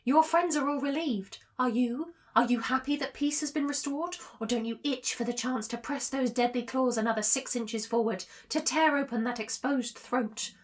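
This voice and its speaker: A cruel male alien tempter with a silky, mocking manner, voiced by a woman reading a book aloud. The voice sits high and coaxes smoothly. It has a sly, smirking edge. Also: normal speed, hardly any pauses, natural voice. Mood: coaxing.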